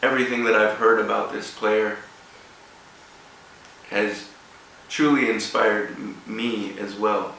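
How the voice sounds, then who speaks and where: A man with a fairly low, gravelly voice speaks from a distance in a very reverberant room. He delivers an informal speech in halting, broken phrases. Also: fairly even intonation, bright, forceful tone. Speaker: guest speaker at a rugby club event. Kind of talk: informal motivational speech with personal story. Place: echoey room, speaking before an audience. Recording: echoey room, distant mic, faint noise.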